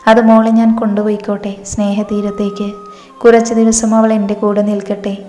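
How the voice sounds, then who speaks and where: A kindly, motherly nun , read by a woman narrator speaks in a soft, soothing, level voice. Her reassurances carry a long, hall-like echo. Quiet music plays beneath the story. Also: medium pitch, level tone, brisk, lightly acted. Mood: pleading. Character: gentle motherly nun caring for a frightened girl. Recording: reverberant with background music.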